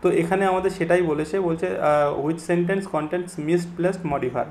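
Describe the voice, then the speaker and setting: A young male English grammar teacher with a Bengali accent, explaining an online exam-prep lesson and reading English example sentences slowly and deliberately. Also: fairly high pitch, darkish tone, a little hiss or hum.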